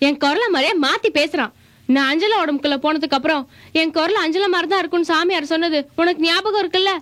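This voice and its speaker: A woman's voice: very high-pitched, fast, a bit bright, no room sound. An actress playing a young woman who claims a dead woman's spirit lives in her, pleading and indignant in turn. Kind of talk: comedy TV serial acting.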